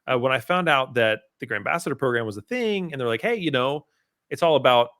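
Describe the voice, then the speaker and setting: A man's voice: medium pitch, a little fast, no room sound. Laid-back man with a dry, close sound. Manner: relaxed, rambling, heavy on "you know" and "um". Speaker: podcast guest, part-time car detailer. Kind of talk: casual conversation.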